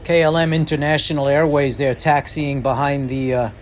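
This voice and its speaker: A man's voice: a little high, little pitch movement, moderate pace. A man hosting a plane spotting vlog with casual commentary. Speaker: channel host, plane spotter. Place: airport terminal. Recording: loud ambient airport noise.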